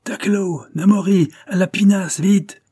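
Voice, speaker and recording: A man voicing a gruff, mocking middle-aged ship skipper in a storybook reading, his voice raised higher and louder than his narration. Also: moderate pace, no room sound, clean studio sound. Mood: urgent. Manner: gruff, teasing, then urgent.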